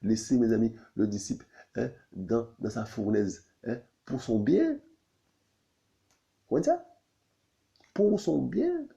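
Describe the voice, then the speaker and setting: A man's voice: very animated, measured pace, gravelly, long pauses, warm tone. A man preaching a sermon in a repetitive, insistent way, who keeps calling out to his listeners and asks whether they follow. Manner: repetitive, constantly saying "my friends" and asking "you see?"; pitch leaps high on questions. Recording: dull lo-fi recording.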